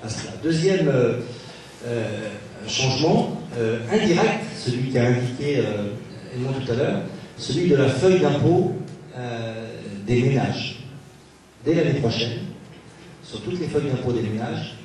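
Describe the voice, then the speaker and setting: In a large reverberant hall, a distant microphone captures a local elected official addressing a public meeting, with faint noise in the background. He asks rhetorical questions and pauses hesitantly, speaking in a mid-range, slightly mellow voice.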